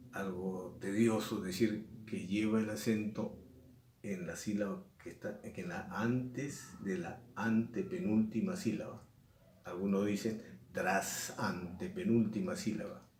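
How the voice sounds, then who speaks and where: A male teacher, explaining a lesson slowly and repeating and stressing key words. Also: deep voice, fairly even intonation, darkish tone, a little hiss or hum. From Peru. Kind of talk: recorded lesson. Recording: echoey room, mic at a distance.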